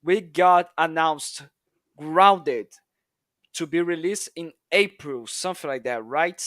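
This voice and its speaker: A man's voice: fairly high pitch, slow pace, fairly bright tone, no room sound, studio quality. A man on a gaming podcast panel, leading the topic and telling it like a story in casual chat. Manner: leads the topic, storytelling with restarts.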